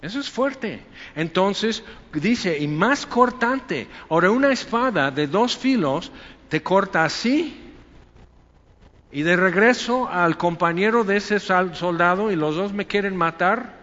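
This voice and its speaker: A man preaching a Sunday sermon in a conversational, animated way, often acting out quoted voices. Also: sits high, unhurried. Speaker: pastor. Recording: echoey hall, dull lo-fi sound.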